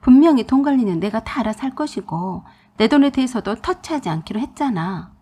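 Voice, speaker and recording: A woman's voice: on the high side, lively intonation, fairly quick, mellow, husky. A woman voicing a smug, selfish young husband who talks in a coaxing, self-satisfied way, in a storybook narration. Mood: defensive.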